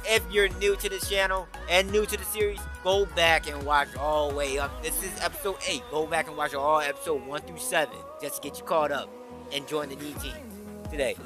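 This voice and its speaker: With music playing behind him, a young male gaming YouTuber talks fairly quickly in a steady, somewhat high voice. He's in his bedroom on a headset mic, hyping up his gameplay, joking about his singing, and giving an outro.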